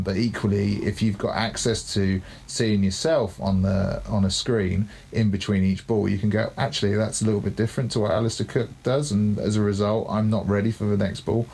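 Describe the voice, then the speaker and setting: Cricket coach on a podcast, male, lowish gravelly voice, explains with care. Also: a little mellow. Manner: thoughtful, explaining, tag questions. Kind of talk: casual podcast chat.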